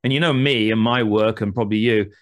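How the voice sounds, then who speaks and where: A man's voice: on the low side, fairly quick. Male host asking long winding questions. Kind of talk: conversational interview.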